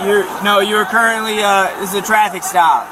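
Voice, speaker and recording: A man's voice: sits high, steady tone, normal speed, a crowd in the background. A male police officer on body cam audio at a roadside traffic stop, speaking with patronizing politeness. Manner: patronizing politeness, calling driver "dear". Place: outdoors at a roadside.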